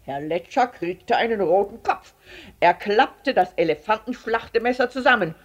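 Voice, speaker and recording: A woman reading a children's story aloud, expressive, sometimes dropping to a whisper. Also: mid-range voice, lo-fi sound. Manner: expressive, slow, drops to whispers.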